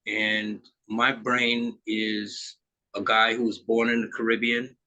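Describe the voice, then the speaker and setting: A Trinidadian musician in his fifties, appearing as a guest in a casual interview chat, talks in an easygoing, rambling way with plenty of fillers. His lowish voice is level, slow and sharp in tone, and the audio is poor.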